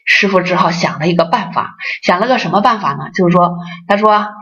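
A middle-aged woman with a lowish, slightly bright voice speaks fairly quickly in a Buddhist dharma talk as an association president, captured in a dull lo-fi recording. She tells stories, acts out the voices she quotes, and addresses her listeners directly.

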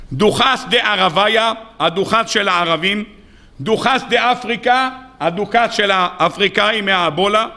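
A rabbi with a high-pitched, sharp-edged voice preaches a sermon. He tells the story in an animated way and keeps asking his listeners rhetorical questions. His tone stays bright and forward throughout.

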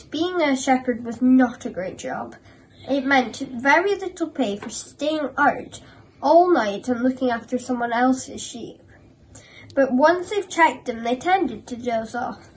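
A woman opens a nativity story with a high voice and plain, homely storytelling. Faint room ambience sits behind her. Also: slight background noise. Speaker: story reader. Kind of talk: reading a nativity story aloud.

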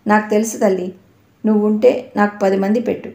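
A woman reading the part of a kindly older mother figure who speaks in a warm, reassuring way, in an echoey room. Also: mid-range voice, level tone, brisk, lightly acted. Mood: fond.

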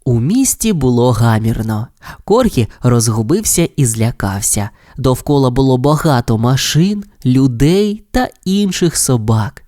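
A children's audio-tale narrator tells the story in an expressive, lilting way. The voice sits in a middle pitch and swings widely up and down. The sound is dry and close. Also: unhurried, no echo.

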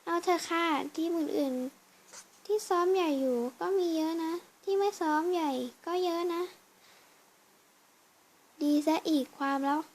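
A woman performing a fan voice drama, switching quickly between characters. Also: extremely high pitch, slight background noise. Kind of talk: fan voice drama with many roles.

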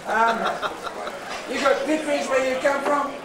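A high-voiced man introduces each dance to a party crowd in a big, echoey function room. He is picked up from far off by a camera, over loud crowd chatter. He talks casually and coaxes the crowd to call back to him. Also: fairly even intonation, measured pace. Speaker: dance performer.

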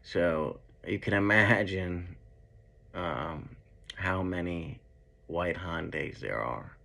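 A young man with a very low, gravelly voice reacts to news footage in loose, chatty commentary. He restarts his sentences and asks his viewers questions. He records in a dark room indoors. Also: slow. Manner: conversational, hesitant restarts, talks back to clips. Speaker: true crime commentator.

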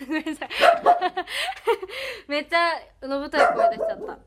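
A woman's voice: high voice, racing, a loud crowd. A young woman hosting a casual livestream, bubbly, thanking viewers and rattling off rankings. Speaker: livestream host. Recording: loud background noise.

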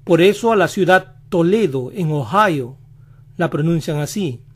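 Slow, deliberate Spanish-speaking teacher man. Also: on the high side, expressive. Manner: slow, deliberate, repeats example words several times. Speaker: language teacher. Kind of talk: slow instructional explanation.

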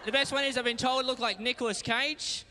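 A man's voice: very high voice, steady tone, fast talker, some chatter behind, slight background noise. A young Australian man from rural Victoria doing laid-back, self-mocking stand-up comedy on a talent show stage. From Gippsland, Victoria, Australia. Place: big theatre stage before a live audience. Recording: reverberant hall, loud audience.

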